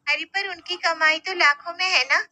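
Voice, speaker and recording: A woman voicing an outspoken young sister who speaks earnestly and with indignation in an animated story. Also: extremely high pitch, normal speed, voice pushed up, heavily acted. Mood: indignant.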